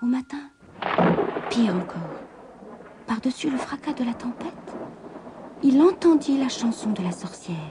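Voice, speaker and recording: Woman storyteller, high and very lively, whispers for effect, kids' tale. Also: measured pace, pauses often, background noise. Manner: expressive, often dropping to a whisper. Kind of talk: children's story reading.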